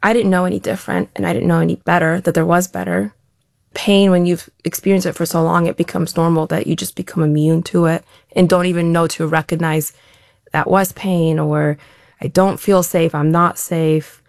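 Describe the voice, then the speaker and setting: A woman's voice: lowish voice, flat delivery, normal speed, vocal fry, a little mellow, no room sound, clean studio sound. A woman answering interview questions as an elite athlete guest, talking in a reflective, open way with frequent restarts.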